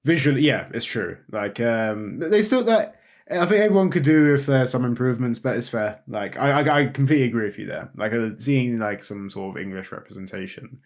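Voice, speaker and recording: A man's voice: medium pitch, expressive, a little fast. Agreeable, hesitant young man in casual chat. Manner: hesitant, agreeable, hedging as he explains. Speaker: podcast co-host. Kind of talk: casual chat about animation and games.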